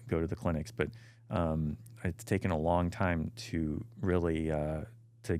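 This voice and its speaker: A middle-aged man hosting a podcast, telling stories in a casual, animated way with lots of fillers and restarts. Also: low-pitched, gravelly. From United States. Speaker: podcast host and men's health clinician. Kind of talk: casual monologue.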